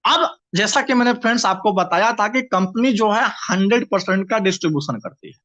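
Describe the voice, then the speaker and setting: Brief: high-pitched male presenter walking through a business plan, lo-fi recording. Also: a little fast. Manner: steady explaining, repeats and restarts words, addresses "friends". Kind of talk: explanatory presentation. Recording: dull lo-fi recording.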